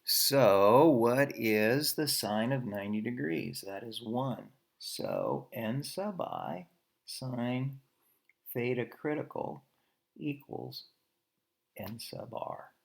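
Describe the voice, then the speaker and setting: Gravelly male physics teacher. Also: medium pitch, big pitch swings. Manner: conversational, punctuates with frequent "okay" and quick self-corrections. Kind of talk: recorded physics lecture while drawing diagrams.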